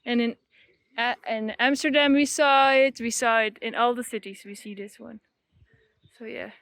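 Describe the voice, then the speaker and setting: A woman's voice: fairly high pitch, steady tone, moderate pace, a bit bright, dry recording. A woman from Belgium talking casually as she vlogs. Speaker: vlogger. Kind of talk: casual vlog chat.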